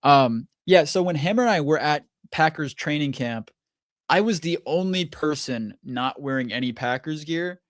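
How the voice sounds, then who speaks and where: A man's voice: on the high side, animated, no room sound, studio quality. A young man co-hosting a live sports draft reaction stream, chatting casually and reading out viewer comments. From DC area, USA. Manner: chatty, quick banter, reads out viewer comments. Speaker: co-host.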